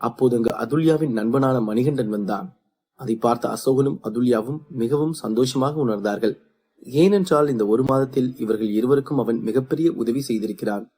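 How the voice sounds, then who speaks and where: A man narrating a serialized story in a steady, even reading voice. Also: mid-range voice, moderate pace.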